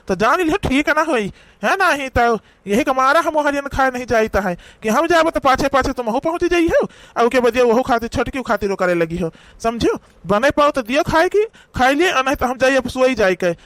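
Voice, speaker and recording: Here the same kind of role: a man voicing a grumpy elderly village father-in-law in a cartoon comedy, angry and scolding in a rambling, emphatic Awadhi-accented rant. The voice sits high for a man, with a fairly bright tone and close, echo-free recording.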